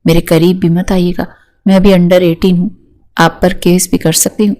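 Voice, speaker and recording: A woman's voice: on the low side, level tone, warm tone, close to an everyday voice. A woman voicing a scheming, dramatic orphan girl under eighteen who pleads and pities herself in a sly way. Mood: pleading. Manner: pleading, self-pitying, sly.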